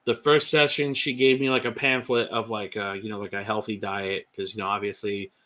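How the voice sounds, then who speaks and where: A man's voice: lowish voice, little pitch movement, fairly quick, a bit bright. A man talking as a podcast guest, candid and rambling, with lots of "like" and "um". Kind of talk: casual personal testimony.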